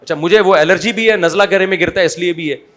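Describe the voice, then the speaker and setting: A man giving an informal religious talk with a hoarse voice, blunt and mocking, telling stories with animated swings between loud jabs and low asides. He speaks Urdu with a Pakistani accent. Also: quick pace. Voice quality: hoarse throat he calls swollen. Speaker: religious scholar.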